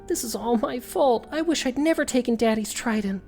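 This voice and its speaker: A woman's voice: fairly high pitch, moderate pace, vocal fry, a little mellow, soft background music, pitched above the performer's own voice. Woman reading a remorseful young mermaid princess. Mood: regretful.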